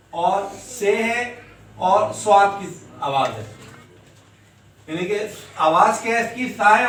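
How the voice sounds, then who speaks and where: Slow high-voiced man teaching in an echoey room. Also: sharp tone, slight background noise. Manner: slow, repetitive, drilling sounds with the class. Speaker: English teacher. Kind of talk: classroom lesson. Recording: echoey room, distant mic.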